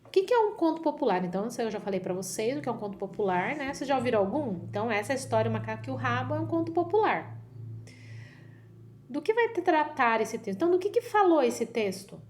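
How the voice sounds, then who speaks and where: Brazilian woman, schoolteacher, slow and patient, tag questions, brightish pitch. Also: big pitch swings. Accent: Brazilian Portuguese. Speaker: teacher. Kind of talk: reading a folk tale aloud to children, then explaining.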